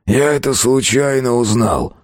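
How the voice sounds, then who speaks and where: Guy playing a hoarse grumpy bandit, slow wheezy talk. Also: medium pitch, no room sound, clean studio sound, pitched above the performer's own voice, natural voice. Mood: sullen. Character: captured bandit leader, sullen and hoarse.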